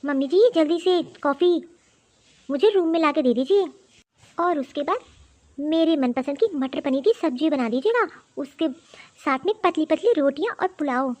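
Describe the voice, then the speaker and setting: A woman's voice: sits high, lively intonation, normal speed, darkish tone. A woman voicing a spoiled, lazy young daughter-in-law in a cartoon, with a haughty, demanding way of talking. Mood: bossy. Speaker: voice actor. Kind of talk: cartoon voice acting.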